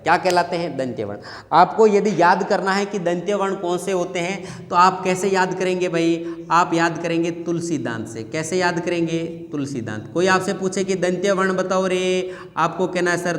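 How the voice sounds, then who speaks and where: A male teacher giving a classroom lesson, asking questions and then answering them himself. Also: sits high. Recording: echoey room with long reverb.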